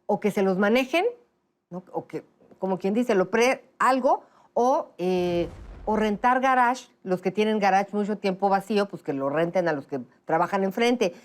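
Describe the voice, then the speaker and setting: A woman's voice: mid-range voice, moderate pace. Chatty woman hosting an interview. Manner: conversational, rambling questions. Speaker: interview host. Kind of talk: talk show interview.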